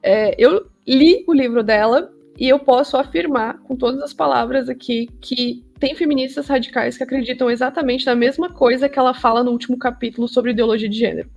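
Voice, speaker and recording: High-voiced Brazilian woman with creaky edges. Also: fairly quick, few pauses, darkish tone. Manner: emphatic, repetitive, slangy. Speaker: interview guest. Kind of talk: casual opinionated conversation.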